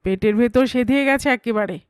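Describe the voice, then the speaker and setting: A woman voicing a cheeky young man who chatters and teases in a comic audio story, in a high, dry voice. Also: clean tone, no room sound, close to an everyday voice. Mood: eager. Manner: teasing, chattering, quick to joke. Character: young male errand-runner, cheeky and giggling.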